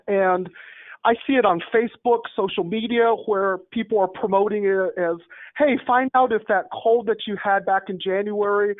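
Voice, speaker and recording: A medical presenter joining a town hall over a group call line, explaining testing step by step in a methodical way. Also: mid-range voice. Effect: heard over a group call line. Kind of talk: technical slide presentation. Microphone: remote call connection. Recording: tinny phone-like call audio, dry.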